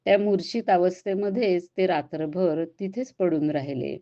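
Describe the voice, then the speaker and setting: A woman narrating a devotional story in a gentle, expressive storytelling manner. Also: fairly low pitch, normal speed. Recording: dull lo-fi recording.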